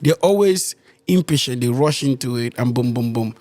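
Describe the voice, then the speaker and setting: A man's voice: mid-range voice, expressive, normal speed, darkish tone, dry recording. A man in his thirties hosting a podcast in casual, joking chat, laughing often. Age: 30s. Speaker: podcast host.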